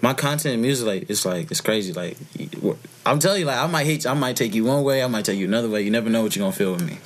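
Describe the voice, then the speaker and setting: A man's voice: medium pitch, expressive, racing. A nineteen-year-old man, a rapper guest, talking casually in a loose, rambling way, often adding "you feel me". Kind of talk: casual interview chat.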